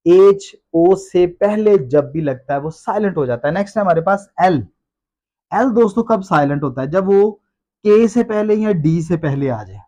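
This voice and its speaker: A man teaching a pronunciation lesson in a classroom style, who explains each rule slowly and says words and rules again and again. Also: a little high, darkish tone. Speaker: English teacher.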